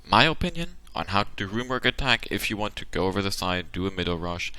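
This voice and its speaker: A man with a tired, worn-out voice talks through game tactics on his channel. His voice is pitched a little low but has a bright, forceful edge. He lays out option after option, thinking aloud as he goes, recorded close and dry at a desk mic. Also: sing-song, fast talker, clear, resonant tone, dry recording. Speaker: channel host analysing a game replay. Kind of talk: casual tactical commentary.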